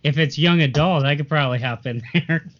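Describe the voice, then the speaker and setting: A man from Indiana co-hosting a podcast, full of deadpan jokes. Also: fairly high pitch, a little fast. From Indiana, USA. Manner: joking, deadpan quips. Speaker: podcast co-host. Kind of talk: casual podcast chat. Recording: dull lo-fi audio.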